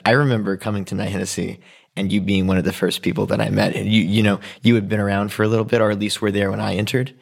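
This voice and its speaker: A man's voice: fairly low pitch, flat delivery, fast, gravelly. A man co-hosting a podcast, joking and rambling a little, with frequent restarts. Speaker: podcast co-host. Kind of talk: casual interview chat.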